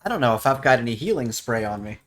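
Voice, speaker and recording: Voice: medium pitch, animated, fast, fairly bright tone. A player chatting casually and jokingly while playing a game. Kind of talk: casual chat while gaming.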